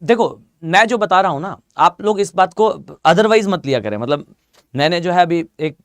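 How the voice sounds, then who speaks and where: A man's voice: high voice, lively intonation, normal speed, no room sound. A male geography teacher giving a live exam-prep lecture in a conversational, repetitive way with many fillers. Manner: conversational, repeats himself, lots of fillers.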